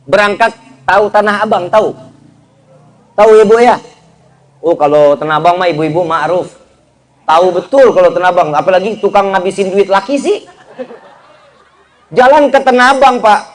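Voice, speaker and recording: High-voiced joking Indonesian preacher. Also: male voice. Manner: lively, joking, addresses audience directly with Betawi slang. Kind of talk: humorous sermon to a crowd.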